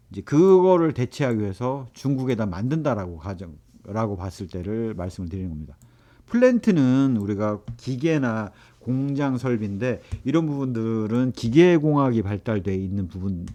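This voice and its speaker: A man's voice: mid-range voice, dark tone. A man giving a recorded economics lecture, explaining at length with frequent fillers and self-corrections.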